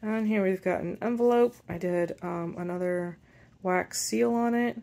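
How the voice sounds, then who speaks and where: A woman walking through her handmade journal page by page in a casual show-and-tell, unhurried and pausing as she handles the pages. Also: fairly low pitch, creaky, mellow. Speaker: journal maker and shop seller.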